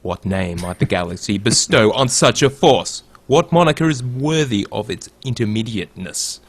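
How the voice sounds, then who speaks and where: A man hosting a casual gaming podcast runs through news and reads a write-up aloud in a mock movie-trailer voice. He speaks at normal speed in an expressive voice on the low side.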